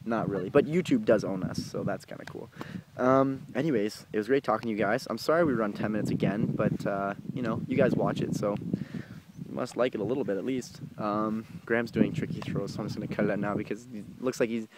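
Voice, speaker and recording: A young man co-hosting a casual vlog, telling a rambling, excitable story. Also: on the low side, brisk, heavy background noise. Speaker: co-host.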